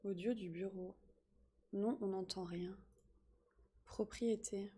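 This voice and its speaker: A woman streaming live, chatting excitedly with her viewers while fixing her setup. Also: mid-range voice, slow pace, husky. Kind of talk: live gaming stream chat.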